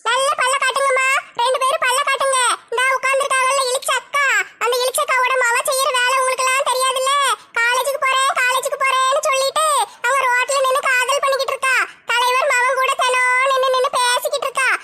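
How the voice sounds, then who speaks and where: Shrill, bright, flat-toned gossip with one eye, spiteful and meddling, in a comedy skit. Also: female voice, fast, heavily acted. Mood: gossipy. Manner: accusing, taunting village gossip.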